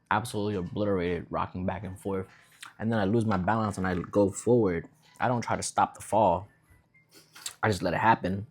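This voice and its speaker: A young man who grew up in Vietnam, chatting casually in a laid-back, rambling way while eating at home. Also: on the low side. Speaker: vlogger. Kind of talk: casual eating vlog chat.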